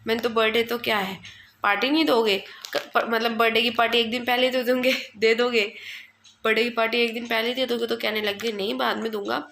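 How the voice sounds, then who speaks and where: Young woman vlogging at home on her phone, bit high, gravelly voice, chatty and rambly. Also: steady tone, fairly quick, fairly bright tone, a little hiss or hum. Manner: chatty, rambling, often quotes her husband. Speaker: family vlogger. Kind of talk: casual home vlog chat. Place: at home indoors.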